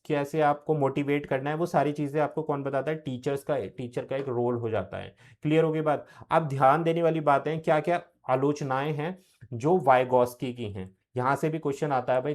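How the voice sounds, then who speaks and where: A young man giving an exam-prep lecture, who repeats key terms and asks questions that he answers himself. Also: on the high side. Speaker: teacher.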